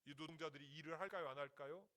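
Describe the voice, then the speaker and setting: A male senior pastor preaching a sermon, telling a story with animated delivery and frequent questions to the congregation. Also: on the high side, rapid-fire.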